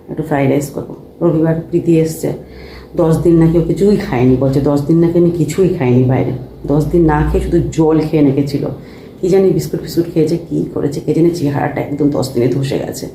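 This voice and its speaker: A woman, a mother, chatting casually in a home vlog, talking quietly while holding her phone in one hand. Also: sits low. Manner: speaks softly at night so as not to wake family. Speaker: vlogger, mother of two daughters. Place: home, bedroom and kitchen. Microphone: handheld phone. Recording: echoey room with noise.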